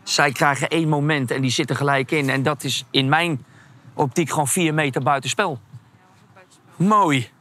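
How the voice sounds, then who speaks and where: Hesitant football coach. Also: male voice, a little high, steady tone, fairly quick, slight background noise. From The Hague, Netherlands. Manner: hesitant with many fillers when talking, shouting loudly on the sideline. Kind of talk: documentary interview and sideline coaching.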